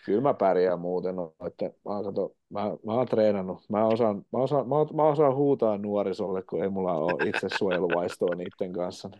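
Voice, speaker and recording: Low Finnish man on a dull lo-fi mic. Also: steady tone, hardly any pauses. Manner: rambling, stumbles and restarts. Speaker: podcast co-host, youth football referee. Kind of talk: casual chat. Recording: dull, lo-fi sound.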